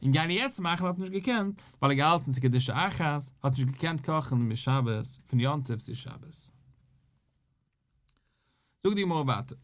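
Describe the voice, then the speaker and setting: A man with a Yiddish accent teaches a daily Talmud class. His voice sits a little high, and it jumps up when he plays out the back-and-forth of the sages. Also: moderate pace. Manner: animated, acts out questions and answers between sages.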